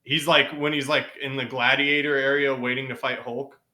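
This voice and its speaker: A man's voice: medium pitch, flat delivery, moderate pace, sharp tone. A young man co-hosting a gaming podcast in casual chat, laid-back, saying "dude" and laughing often. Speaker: podcast co-host.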